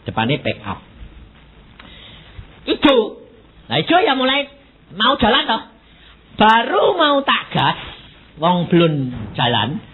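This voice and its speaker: Seorang pendeta pria berusia lanjut dengan logat Jawa, berkhotbah sambil bercerita dan memerankan suara orang-orang dalam kisahnya. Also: male voice, high voice. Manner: animated, acts out quoted voices, mixes Javanese words. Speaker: pastor. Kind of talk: sermon with storytelling. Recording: tinny phone-like recording with faint noise.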